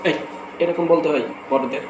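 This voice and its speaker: A man playing a cheeky father in a comic sketch, twisting everything said to him with deadpan wordplay. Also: on the high side, moderate pace, background noise. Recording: echoey room with faint ambience.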